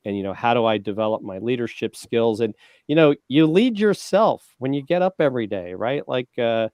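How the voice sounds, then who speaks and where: A man co-hosts a podcast in easygoing chat, his voice smooth and clear. He rambles a little, with plenty of fillers and restarts, and the sound is dry and close. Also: medium pitch, a little mellow, no room sound. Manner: chatty, many fillers and restarts. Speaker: co-host.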